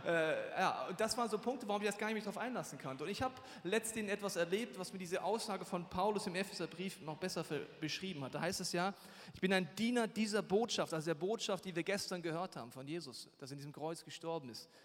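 A man preaching a humorous sermon, telling a personal story in an animated way and acting out the scenes, sometimes shouting. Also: sits high, quick pace, long reverb tail.

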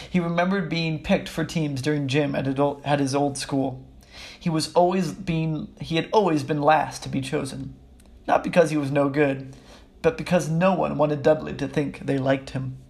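A man reading a children's book aloud in a steady, even way, with small slips. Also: fairly high pitch, moderate pace, vocal fry. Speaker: audiobook reader. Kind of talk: storybook reading.

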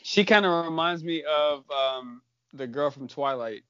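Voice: medium pitch, unhurried, bright, forceful tone, a little hiss or hum. A podcast guest in casual chat, giggly and teasing. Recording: dull lo-fi sound.

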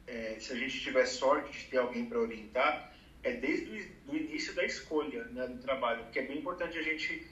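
A man's voice: mid-range voice, normal speed, pushed and bright, roomy sound, far from the mic, lo-fi sound, a little hiss or hum. A man in his thirties from Brazil, talking casually about career planning with many fillers. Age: 30s. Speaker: advertising professional giving career advice. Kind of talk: casual conversation.

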